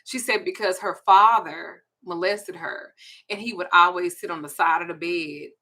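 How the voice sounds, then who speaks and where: A woman's voice: fairly low pitch, moderate pace, sharp tone. A woman in her forties with a Southern US accent, hosting a candid, profane, confiding casual chat. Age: 40s. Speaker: host.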